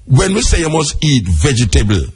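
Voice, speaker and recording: A Jamaican man with a husky voice, talking in Patois as a radio host, conversational and emphatic, repeating his points. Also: mid-range voice, very animated, fairly quick. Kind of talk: radio talk commentary in Patois.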